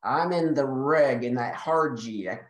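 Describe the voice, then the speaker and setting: A man's voice: medium pitch, a little slow, roomy sound, poor audio. A male developer presenting on a video call, eager and explanatory, occasionally correcting himself. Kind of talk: technical webinar presentation.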